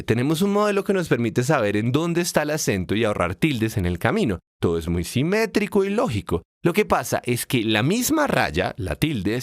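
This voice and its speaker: A man's voice: mid-range voice, no room sound, studio quality. A man narrating a scripted lesson on Spanish accent marks, telling it as a playful story with acted dialogue.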